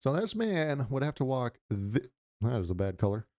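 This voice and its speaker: A man's voice: medium pitch, sing-song, moderate pace, a little mellow, dry recording, clean studio sound. A man giving casual reaction commentary, rambling and joking while mimicking noises. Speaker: reaction channel host.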